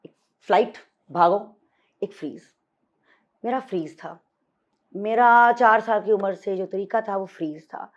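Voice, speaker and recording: A woman's voice: mid-range voice, unhurried, long pauses. Guest, woman, 50s, mid voice, candid and reflective, code-switching, repeats for emphasis; lo-fi podcast sound. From Pakistan. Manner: reflective, switches between Hindi-Urdu and English, emphatic repetition. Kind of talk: candid interview conversation.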